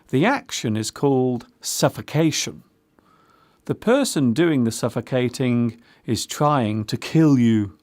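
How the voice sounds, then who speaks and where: A man's voice: medium pitch, darkish tone, dry recording. A man from England with an English accent, teaching an English vocabulary lesson in a theatrical, sing-song way. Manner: theatrical, sing-song delivery with playful rhymes. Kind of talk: scripted video lesson.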